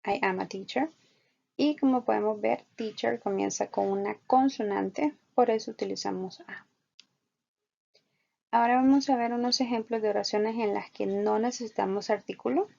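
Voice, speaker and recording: A woman teaching an online English lesson, explaining patiently and repeating example sentences slowly. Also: a little high, fairly even intonation, gravelly, a little mellow. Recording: dull lo-fi recording.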